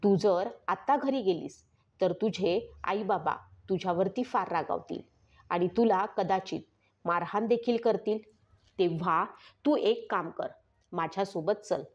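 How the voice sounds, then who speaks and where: A woman narrator voicing a scheming adult woman stranger who talks gently and persuasively, on a slightly muffled recording. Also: medium pitch, unhurried, lightly acted. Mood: coaxing.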